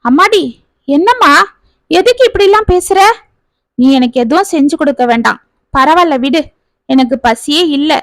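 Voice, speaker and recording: A woman's voice: high voice, animated, normal speed, long pauses, no room sound. Woman voicing a meek frail old mother-in-law. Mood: hurt. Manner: soft, pleading, gentle.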